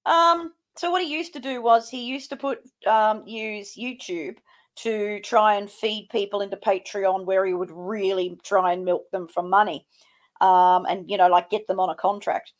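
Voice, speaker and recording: A woman's voice: medium pitch, fairly even intonation, moderate pace. A woman giving sarcastic reaction commentary, with a mocking, scolding way of talking. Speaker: host of a reaction show.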